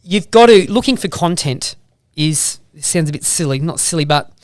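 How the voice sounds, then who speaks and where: Higher-pitched man with a broad Australian accent. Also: animated, normal speed, no room sound, clean studio sound. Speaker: podcast guest, motorbike vlogger. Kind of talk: casual interview storytelling.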